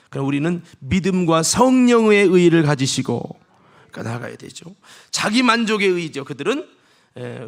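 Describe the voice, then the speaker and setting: A man preaching a Sunday sermon as a church pastor, swinging between shouted exclamations and hushed whispers. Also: fairly high pitch. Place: church sanctuary.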